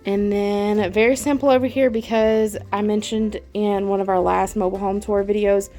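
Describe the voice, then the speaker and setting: A woman's voice: medium pitch, normal speed, soft background music. Chatty young woman. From Louisiana. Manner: chatty, relaxed, laughs often. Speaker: vlogger. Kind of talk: casual home tour. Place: inside her home.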